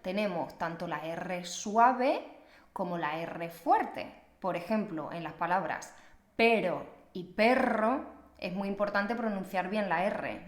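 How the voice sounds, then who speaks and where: A young woman from Extremadura with an Extremaduran Spanish accent, teaching in a chatty, playful, self-mocking way. Her voice sits at an ordinary middle pitch. It rings in an echoey room. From Extremadura, Spain. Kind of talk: casual teaching video.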